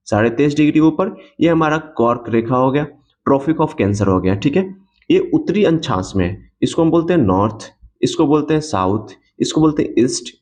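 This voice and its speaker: A man's voice: medium pitch, darkish tone. A man teaching an exam coaching lecture, who repeats key points and asks and answers his own questions. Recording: dull lo-fi sound.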